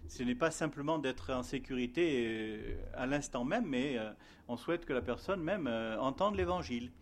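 A man's voice: medium pitch, animated, normal speed, slight background noise. A man giving a spoken testimony and sermon, telling his story in a hesitant way with many fillers, then earnestly exhorting his listeners.

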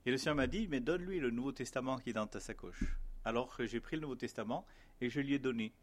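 A man tells a personal faith story in a loose, conversational way. He pauses often and fills gaps with hesitations. Toward the end he turns earnest and gently exhorting. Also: medium pitch. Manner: rambling, many hesitations and fillers. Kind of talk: casual spoken testimony.

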